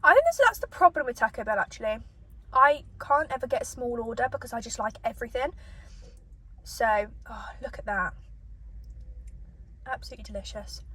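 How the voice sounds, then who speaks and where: A British woman chatting casually to camera as she eats, pausing for bites as a mukbang host. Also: on the high side, expressive, sharp tone, husky. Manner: eating as she talks, with pauses for bites. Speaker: mukbang host eating and reviewing food. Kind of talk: casual chat to camera while eating. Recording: distant microphone, noticeable background noise.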